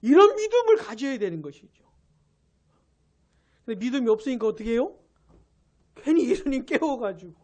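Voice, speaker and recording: A woman pastor preaching a New Year's Eve sermon. She tells the story with animation, asks the congregation questions and answers them, and drops to a hush for emphasis. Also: on the high side, sing-song, moderate pace, long pauses. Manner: drops to a hush for emphasis, then rises again.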